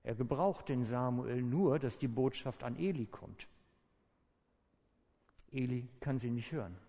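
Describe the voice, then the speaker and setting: A male preacher speaks at a mid-range pitch in a casual, storytelling way and keeps addressing the congregation directly. His voice rings out with a long reverb from the hall. He sounds like he is talking with the room rather than reading to it. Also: a little slow, warm tone. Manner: conversational storytelling, retells with informal asides. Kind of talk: sermon.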